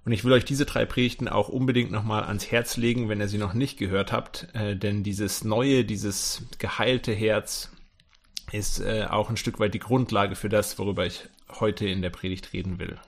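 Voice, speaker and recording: Low-voiced pastor guy starting his sermon, chatty, lots of uh's. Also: fairly even intonation, moderate pace. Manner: conversational, with filler sounds.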